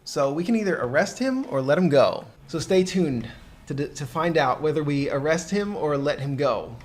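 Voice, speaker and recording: Over game music, this gaming video host explains a co-op game casually, feeling his way through his sentences. His voice is fairly high and darkish in tone, animated, and he speaks at a normal speed.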